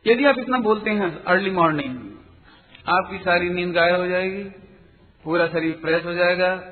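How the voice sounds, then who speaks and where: A man teaching as a Jain teacher in a spiritual lecture, explaining quickly and earnestly and correcting pronunciation. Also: high voice. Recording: tinny phone-like sound in a reverberant hall.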